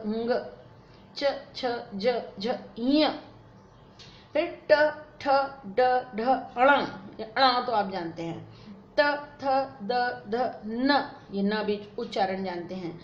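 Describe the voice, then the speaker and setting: A woman teaching a Sanskrit lesson, patiently explaining and repeating word forms in drills, dropping English words into her explanations. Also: fairly high pitch. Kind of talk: classroom lesson at a board. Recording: echoey room, dull lo-fi sound, faint noise.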